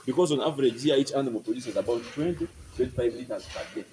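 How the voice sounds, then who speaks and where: A man's voice: medium pitch, fast talker. A man guiding visitors through a dairy barn, explaining step by step and often checking that his listeners follow. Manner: explanatory, keeps checking "you get my point?". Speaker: farm guide. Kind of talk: explaining on a farm tour. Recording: noisy farm barn recording.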